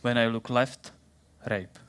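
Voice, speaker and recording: A young man with a Czech accent giving a playful, theatrical science talk in a plant's voice, then answering questions in halting English. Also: medium pitch, steady tone, fairly bright tone, clear, resonant tone. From Czech Republic. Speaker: science communication contestant.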